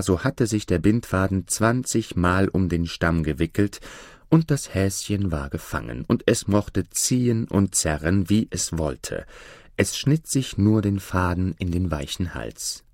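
A man reading a fairy tale aloud, narrating in an expressive storytelling manner. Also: deep voice, unhurried, no room sound, studio quality.

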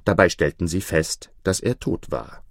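A man calmly reading an old tale aloud as narrator, in a measured storytelling manner. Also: sits low, creaky, no room sound, studio quality.

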